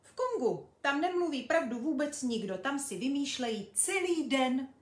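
A woman voicing a cheeky nine-year-old girl who tells tall tales, lively and loud, in an echoey room. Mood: boastful. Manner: lively, boastful, high and loud.

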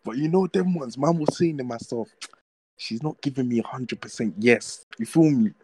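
A man's voice: mid-range voice, moderate pace, slightly rough, no room sound. A young man with a London accent, telling stories and bantering casually in urban street slang as a podcast co-host. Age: young adult. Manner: slangy, animated street talk.

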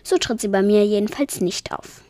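A woman voicing a smug, condescending male theater director who talks in a patronizing, smooth way, in a storybook reading. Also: medium pitch, moderate pace, dark tone, no room sound, natural voice. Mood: cold.

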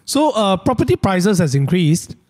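Man, Malaysian accent, slightly high pitch, colloquial Malaysian English, casual co-host chat. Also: sing-song, moderate pace, a little mellow. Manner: colloquial Malaysian English with lah and lor particles. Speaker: co-host reading audience questions.

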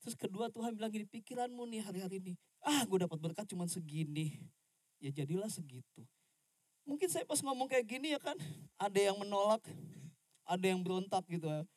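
A woman's voice: medium pitch, lively intonation, a little fast, darkish tone, no room sound, studio quality. A woman preaching a casual youth sermon, chatty, with frequent tag questions and slang, acting out quoted lines. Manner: acts out quoted lines with shifting voice.

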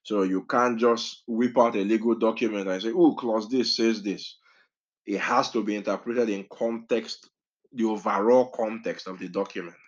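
Male Bible teacher, low voice, chatty and digressive delivery. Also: fairly even intonation, normal speed, dull audio. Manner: conversational, self-correcting, digressive.

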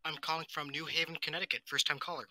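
A man's voice: on the high side, little pitch movement, racing, sharp tone, dry recording. A man calling in over the phone as a first-time caller, earnestly laying out background before asking his question. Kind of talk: casual call-in question.

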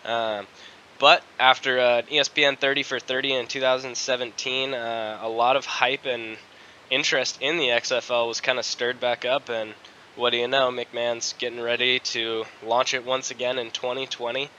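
A man's voice: mid-range voice, moderate pace, highs cut off, slight background noise. A man co-hosting a casual sports podcast, nasal and congested from a cold, talking with lots of ums. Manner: relaxed, filler-heavy delivery. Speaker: podcast co-host.

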